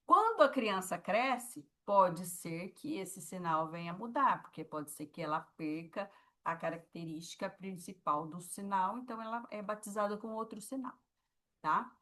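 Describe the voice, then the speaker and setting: A Brazilian-accented woman teaching a class in a patient, explanatory way, pausing often to make sure her students follow. Her voice sits at a middle pitch and sounds plain, with nothing unusual in its tone. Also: lively intonation, fairly bright tone. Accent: Brazilian Portuguese. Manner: patient, explaining, with frequent check-ins. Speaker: sign language teacher.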